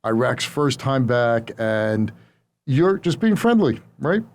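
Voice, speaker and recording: A man's voice: mid-range voice, very animated, slow pace. Man interviewer who cuts in to recap. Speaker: podcast host.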